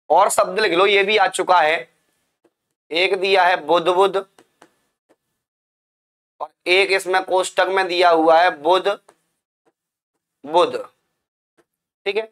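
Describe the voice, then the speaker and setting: High-voiced, unhurried male teacher. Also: pushed and bright. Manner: repetitive, drilling words to students. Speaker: Hindi teacher. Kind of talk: classroom spelling lesson.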